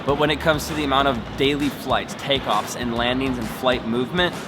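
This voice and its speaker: A man's voice: mid-range voice, brisk. A man presenting a casual explainer vlog in a conversational, dryly wry way. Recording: music behind the voice. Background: music and airport bustle.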